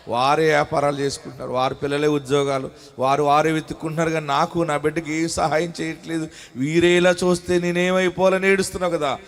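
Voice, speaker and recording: A man with a Telugu accent preaching a sermon as pastor, calling out to the congregation and telling personal stories, moving between loud shouted exhortation and quiet storytelling. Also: fairly high pitch.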